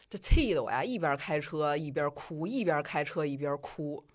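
A woman with a Beijing accent telling a personal story in a chatty, colloquial and animated way. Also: medium pitch.

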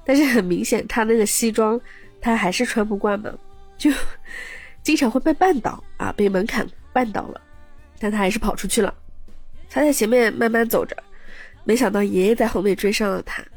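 A woman's voice: a little high, brisk, darkish tone, faint music behind. A woman podcast host casually retelling a story, chatty, with personal asides to her listeners.

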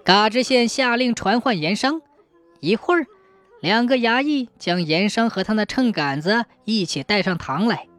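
A woman narrating a scripted folk tale in a lively, expressive storytelling manner. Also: mid-range voice, moderate pace, soft background music.

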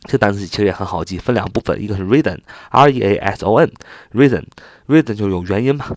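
A man's voice: fairly low pitch, no echo. A man teaching English vocabulary in a spoken lesson, repeating each word and spelling it out letter by letter. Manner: spells words letter by letter and repeats them slowly.

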